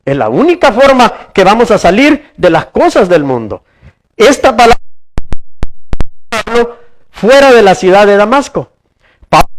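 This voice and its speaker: A man with a strikingly high voice preaches to his congregation in a church. He poses questions to the listeners and circles back over his words in a sermon cadence. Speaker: pastor.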